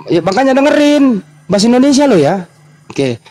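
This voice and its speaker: A man with a notably high voice presses his point in a heated debate. He repeats the same question over and over and talks over his opponent until he gets an answer. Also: big pitch swings, a little fast, dark tone, slight background noise, rough recording.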